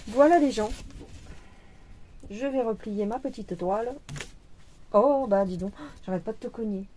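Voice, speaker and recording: Woman, craft vlogger, mellow tone, playful chatty delivery. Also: mid-range voice, moderate pace. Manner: chatty, playful, puts on a jokey accent. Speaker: cross-stitch vlogger. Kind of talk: casual chat while embroidering.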